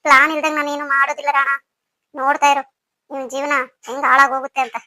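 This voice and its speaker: Cartoon villainess, cold and scheming, low menacing delivery, played by a woman; quick, bright, dry. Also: level tone, no room sound. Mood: threatening. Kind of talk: cartoon story voice acting.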